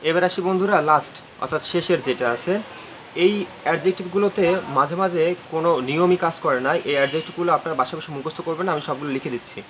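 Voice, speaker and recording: A man's voice: a little high, rapid-fire, fairly bright tone. Guy teaching grammar, keeps repeating himself and spelling stuff out, kinda dull recording. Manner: spells words out letter by letter, repeats phrases, asks the viewers questions. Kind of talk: spoken grammar lesson. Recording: slightly dull audio with faint ambient noise.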